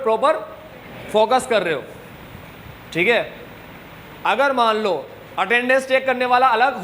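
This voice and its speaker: A man with a high-pitched voice gives a classroom lecture to students, slipping English terms into his talk. He teases and scolds them as he explains. Faint noise hums behind him. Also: fairly bright tone. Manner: scolding, joking, mixes English into Hindi. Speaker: commerce teacher.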